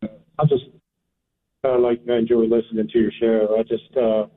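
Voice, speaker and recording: A man calling in to a radio talk show on a tinny speakerphone. He speaks haltingly and fills his pauses with many ums and uhs. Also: mid-range voice, little pitch movement, distant mic. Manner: hesitant, halting, many fillers. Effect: tinny speakerphone sound. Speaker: caller. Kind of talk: call-in radio chat. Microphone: speakerphone over a phone call. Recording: tinny dry phone line.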